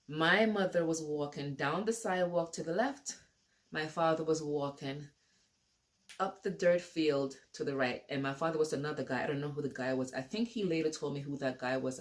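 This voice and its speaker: A woman telling a personal story to camera in a casual, rambling way, repeating and restarting her sentences. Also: deep voice.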